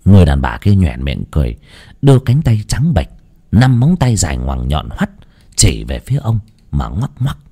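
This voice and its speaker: A man tells a horror story. His pitch swoops and rises with lively drama, and his pace shifts for effect. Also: moderate pace, creaky, slightly rough.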